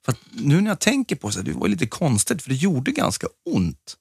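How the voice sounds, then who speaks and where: Male co-host with vocal fry, relaxed and joking, close dry mic. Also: medium pitch, no room sound. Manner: laid-back, joking, hesitant restarts. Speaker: podcast co-host. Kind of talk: casual chat.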